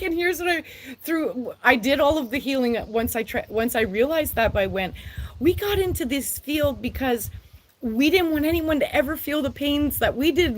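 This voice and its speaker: A woman who works as a social worker, hosting a live stream with effusive, rambling talk and frequent laughter, recorded on an outdoor deck. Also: fairly high pitch. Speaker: spiritual vlogger and social worker.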